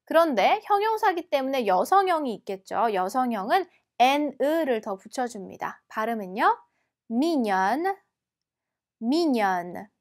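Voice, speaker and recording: A woman teaching a language lesson, explaining patiently and repeating each word slowly and carefully. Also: high-pitched, big pitch swings. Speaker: French teacher.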